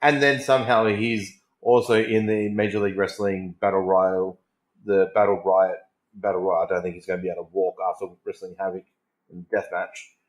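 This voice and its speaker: A man's voice: low voice, flat delivery, normal speed. A man talking casually and enthusiastically as an informal fan on a wrestling podcast. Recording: roomy, echoing voice recording.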